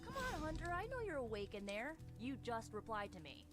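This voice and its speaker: An actress playing a young, impatient, playful game heroine in a teasing, theatrical way. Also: female voice, a little high, very animated, brisk, music in the background. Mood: playful, insistent.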